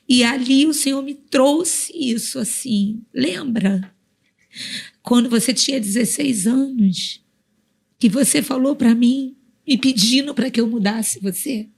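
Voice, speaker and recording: A woman's voice: a little high, gravelly, slightly rough. A woman pastor telling her personal story as a podcast guest, heartfelt and emotional, repeating phrases as she goes. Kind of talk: personal testimony in a podcast interview.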